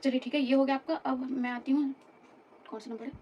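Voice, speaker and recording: Distant, high-pitched woman teaching a lesson. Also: fairly even intonation, fairly quick, highs cut off, slight background noise. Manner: explains patiently, repeats terms and checks "ठीक है?". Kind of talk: classroom lecture.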